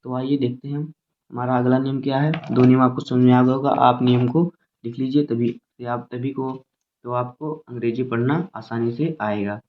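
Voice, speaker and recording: A man's voice: medium pitch, steady tone. Man teaching phonics over tinny audio. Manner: repetitive, slow, spells words out letter by letter. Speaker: English teacher. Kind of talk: classroom phonics lesson.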